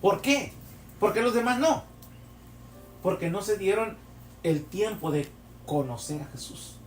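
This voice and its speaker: A man's voice: sits high, animated, a little slow. A man preaching a sermon, telling vivid stories and asking rhetorical questions. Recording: echoey hall, distant mic, soft music.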